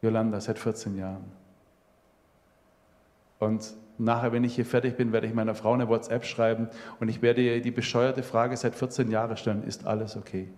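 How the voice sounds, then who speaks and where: A man preaching in a church, his voice at a middle pitch. He tells personal stories with feeling and often sinks to a near hush. A long reverb from the hall trails after his words. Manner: emotional storytelling, drops to a soft hush. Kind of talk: sermon testimony.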